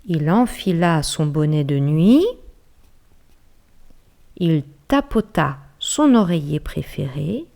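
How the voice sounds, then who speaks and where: A woman reading a children's bedtime story aloud in a gentle, hushed way, dropping now and then to a whisper. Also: lowish voice, creaky.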